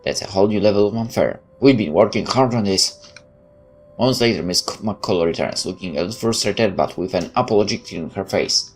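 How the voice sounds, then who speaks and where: A native Polish-speaking woman streams a let's play, reading game narration aloud and commenting casually while often stumbling and correcting herself. Her voice is bass-deep with a darkish tone and a slightly quick pace. Soft music plays in the background.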